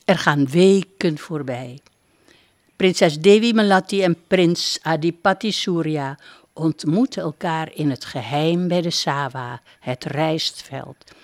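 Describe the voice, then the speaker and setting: A woman narrating a storybook in a calm, measured way. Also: deep voice, no echo.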